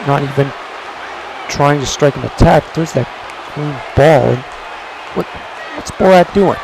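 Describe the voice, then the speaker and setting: A man doing excitable wrestling play-by-play commentary, dramatic and given to repeating phrases. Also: a little high, a little slow, creaky, a crowd in the background, noisy background. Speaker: wrestling commentator and ring announcer.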